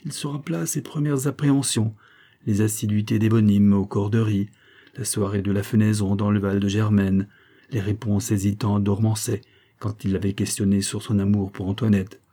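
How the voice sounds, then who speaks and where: A man reading a classic novel aloud in measured, even storytelling. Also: fairly low pitch. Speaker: audiobook reader. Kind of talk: scripted narration of a classic novel.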